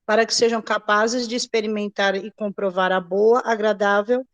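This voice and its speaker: A woman reading scripture aloud in a measured way. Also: medium pitch, steady tone, dull audio. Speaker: scripture reader.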